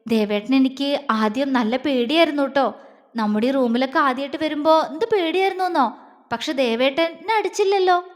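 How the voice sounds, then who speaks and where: Woman doing a young wife, tearful, heartfelt, high voice, hall reverb. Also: a little fast, lightly acted. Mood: affectionate.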